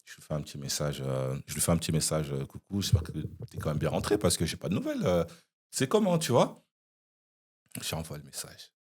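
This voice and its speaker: A young man, a podcast guest, telling an animated anecdote in casual chat, with frequent "you see" asides. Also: very deep voice, quick pace, hardly any pauses.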